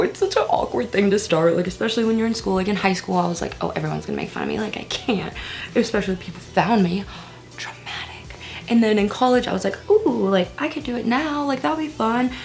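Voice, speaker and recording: This vlogger, a woman in her early twenties, has a creaky voice on the high side. She chats casually at home while putting on makeup for a get-ready-with-me video, teasing herself and dropping into whispers now and then.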